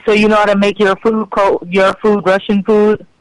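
A woman's voice: mid-range voice, level tone, normal speed, dry recording, rough recording. A woman in a polite, casual phone conversation, earnestly asking questions. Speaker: phone call recipient.

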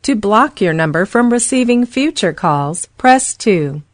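A woman's voice: mid-range voice, expressive, a little slow, heavy background noise. A woman's recorded automated announcement, heard over a phone line, reading formal prompts.

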